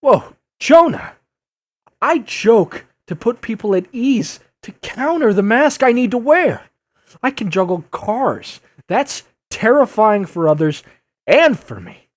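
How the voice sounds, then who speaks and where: Man playing a youthful, animated, pleading superhero. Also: sits high, no room sound, full character voice. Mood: defensive, animated. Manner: emotional, imploring, halting. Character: youthful earnest masked superhero, joking but pleading and wounded. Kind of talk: dramatic audio drama acting.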